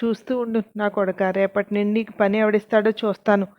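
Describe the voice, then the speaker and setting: A woman's voice: medium pitch, flat delivery, a little fast, no echo, dull audio, lightly acted. A woman voicing a hot-tempered male contractor who hurls threats and insults in a told story. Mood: angry.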